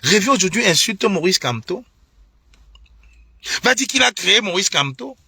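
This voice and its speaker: A man's voice: high-pitched, sing-song, moderate pace, bright, forceful tone, breathy edge, dry recording. A young man from Cameroon, ranting on a live stream with indignant, repetitive, mocking talk and scornful laughs. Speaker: online political commentator. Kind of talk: heated live-stream rant.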